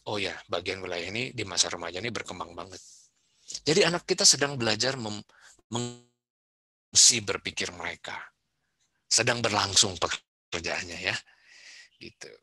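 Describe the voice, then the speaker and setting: A man speaking to a room of parents in a bright, forceful voice with a slightly low pitch. His talk is casual and conversational, and he often turns to the audience with questions. The sound is close and dry, with little room echo. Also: husky. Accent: Indonesian. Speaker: speaker at a school parenting seminar. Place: school event room.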